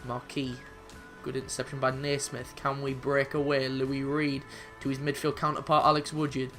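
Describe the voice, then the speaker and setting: A young man commentating his own football video game match, excitable and swearing, with sudden shouts when goals go in. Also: medium pitch, moderate pace, faint music behind. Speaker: gaming YouTuber.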